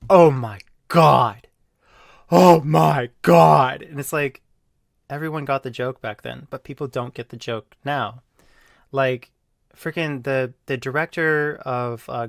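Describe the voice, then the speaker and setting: A man talking casually on his video channel, rambling with lots of fillers and jumping into loud mocking voices when he quotes people. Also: mid-range voice, no echo, studio quality. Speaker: YouTuber. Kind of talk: casual monologue.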